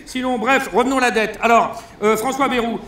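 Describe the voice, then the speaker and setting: A male stand-up comedian on a concert hall stage, telling crude, mocking stories in an animated way. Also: very high-pitched, fairly quick. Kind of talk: satirical stand-up press review. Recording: roomy live hall sound.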